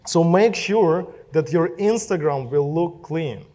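A young man with a Russian accent, speaking to a live audience in a casual, direct way and often asking them questions. His voice sits a little high, and it rings with the long reverb of a large hall. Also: expressive, slow pace, mellow.

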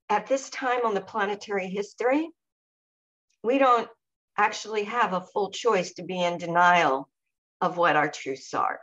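A woman co-hosting a podcast, sharing her personal experience in a reflective, measured way and pausing to search for words. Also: mid-range voice, fairly bright tone, lo-fi sound. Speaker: podcast co-host.

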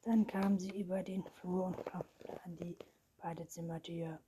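A woman narrating a children's storybook in a hushed, even whispered reading. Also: lowish voice, measured pace, background noise.

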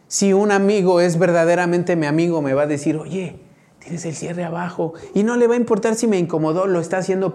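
A man's voice: high-pitched, mellow. A man with a Mexican accent preaching a conversational sermon, often checking in with his congregation. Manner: chatty, keeps checking in with the congregation. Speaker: pastor.

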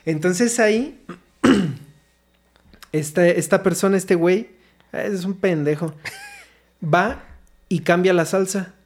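A young Mexican man with a high-pitched voice tells a story among friends. He talks in loose, slangy, profane bursts and slips into acting out the quotes. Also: slow, pauses often. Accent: Mexican Spanish. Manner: slangy, swears a lot, acts out quotes. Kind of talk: casual chat.

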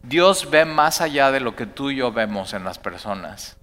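Animated preacher in a reverberant hall. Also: male voice, mid-range voice, moderate pace. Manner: animated, rising to emphatic bursts then dropping to quiet asides. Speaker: pastor. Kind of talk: sermon.

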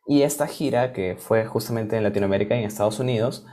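Talking fast in a lowish, mellow voice, this Peruvian co-host keeps a casual talk show lively. He's chatty and eager, often restarting sentences and leaning on fillers.

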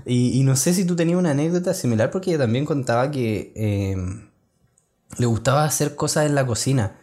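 A man's voice: medium pitch, fairly quick, dark tone. A young man with a Chilean accent, chatting casually and joking with frequent laughs. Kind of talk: casual chat.

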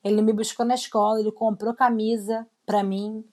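A young woman with a Rio de Janeiro Brazilian accent chats casually in slangy speech, telling animated anecdotes and acting out what people said. Her mid-range voice is flat in delivery and moves at normal speed, with crowd noise around her.

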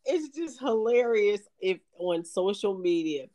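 A woman co-hosting a podcast in an easygoing chat. She talks slowly, and her mid-pitched voice rises and falls a lot as she teases and laughs. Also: animated, dark tone. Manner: unhurried, teasing, laughing. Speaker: podcast co-host. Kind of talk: casual chat.

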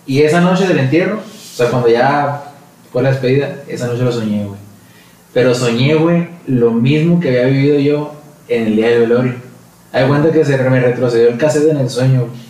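A man's voice: medium pitch, a little fast, a little mellow. A man with a Mexican Spanish accent, telling stories in a casual podcast chat and peppering them with slang fillers. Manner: storytelling with constant slang fillers. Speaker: podcast co-host. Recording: roomy echo, distant mic, faint noise.

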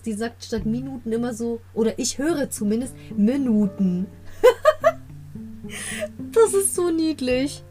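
A woman talking casually as a podcast host, recapping a radio play episode and slowly reading its quoted lines in a put-on voice, often laughing with enthusiasm. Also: fairly high pitch, warm tone.

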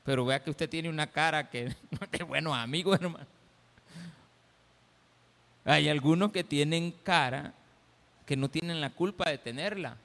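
A Salvadoran pastor preaches to his congregation in a folksy, teasing way, slipping into little acted scenes. His voice sits fairly high and sounds bright and forceful. It rings out with the long reverb of a church hall. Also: normal speed, gravelly, long pauses. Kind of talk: sermon.

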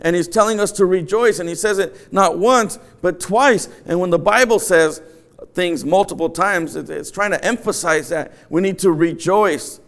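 A man's voice: high-pitched, normal speed, fairly bright tone. A middle-aged man preaching a sermon in an empty church sanctuary, earnest and repeating his key phrases. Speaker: pastor.

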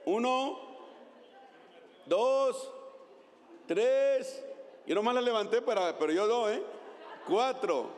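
A man with a high voice delivers a sermon as pastor, reading scripture and asking his listeners questions. His voice carries a long reverb from the hall. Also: expressive, slow, long pauses. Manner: preaching, asks the congregation questions.

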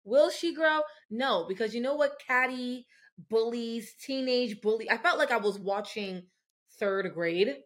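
A woman guesting on a podcast in casual chat, ranting expressively with loud playful outbursts. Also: a little high, measured pace. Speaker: guest, a listener.

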